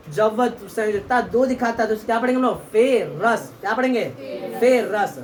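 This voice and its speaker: Heard from far off in a large, echoing classroom with faint noise behind her, a teacher fires questions at her students and repeats their answers. Her voice is mid-range with a darkish tone.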